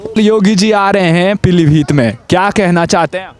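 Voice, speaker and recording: A man working as a street reporter, firing brisk, prodding questions at passers-by in a vox-pop interview. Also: high voice.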